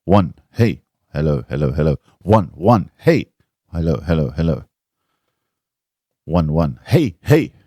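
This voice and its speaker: A man doing loud mic-check calls through a heavily compressed vocal chain, demonstrating audio gear. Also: extremely low pitch, sing-song, a little slow, pauses often, no echo, studio quality. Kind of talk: casual mic-check tutorial.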